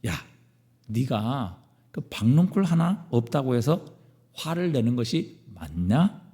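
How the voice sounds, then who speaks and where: A man voicing God as a gentle father who reasons tenderly with his prophet, in a reverberant church. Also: medium pitch, sing-song, slow pace. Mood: stern. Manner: tender, coaxing explanation.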